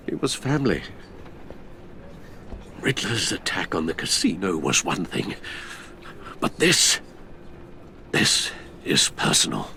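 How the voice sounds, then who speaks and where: British butler, loyal and grave, lowish voice, game cutscene. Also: male voice, sharp tone, a little hiss or hum, heavily acted. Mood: grave indignation. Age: older. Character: loyal elderly male butler, sorrowful and indignant. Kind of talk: video game drama acting.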